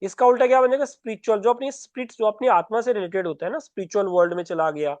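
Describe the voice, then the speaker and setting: A young man with a fairly high voice explains vocabulary for an exam. He talks in a conversational way, repeats words and checks in with his students often. The sound is dry and close, with no room around it. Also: rapid-fire, darkish tone, no room sound, lo-fi sound. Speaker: English vocabulary teacher. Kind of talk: exam-prep lesson with on-screen writing.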